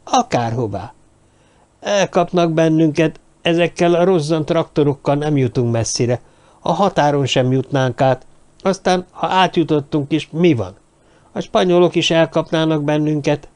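Frightened dwarf woman, gloomy and agitated, pitched high, as a male narrator puts her on. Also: a little mellow, lightly acted. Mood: desperate. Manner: agitated, pessimistic.

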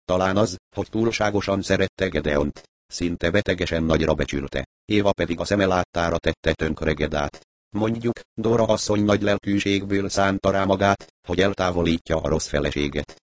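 A man reading an audiobook, voicing a cool-headed male investigator who questions suspects in a measured, probing way. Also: low-pitched, dry recording, close to an everyday voice. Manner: measured, probing, coolly ironic.

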